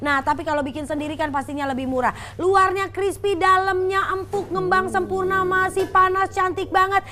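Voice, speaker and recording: A woman's voice: very high voice, steady tone, moderate pace, few pauses, pushed and bright, slight background noise. A woman presenting a live infomercial, urgently exclaiming and addressing viewers directly. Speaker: shopping show presenter. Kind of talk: infomercial sales pitch, live home-shopping.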